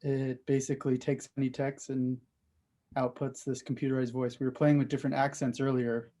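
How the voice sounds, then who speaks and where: A man's voice: mid-range voice, level tone, a little fast, dark tone. A man of about thirty from Utah, a podcast guest giving laid-back, short and dry answers. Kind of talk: casual interview chat.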